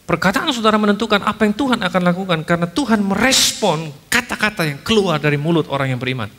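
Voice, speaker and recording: A male pastor preaching a sermon in an animated storytelling way, tossing in English phrases and humorous asides. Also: sits high, quick pace, in a large hall.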